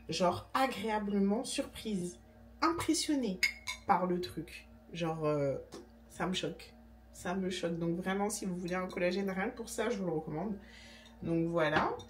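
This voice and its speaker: A young woman chatting casually to camera in her vlog, slangy and relaxed, sometimes talking with her mouth full. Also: medium pitch. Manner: chatty, slangy, talks while eating. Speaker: vlogger. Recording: echoey room, voice a bit distant.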